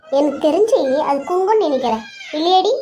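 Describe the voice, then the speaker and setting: A woman's voice: very high-pitched, lively intonation, brisk, dark tone. Woman playing a sarcastic, cruel mother-in-law. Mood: mocking. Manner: mocking, sarcastic.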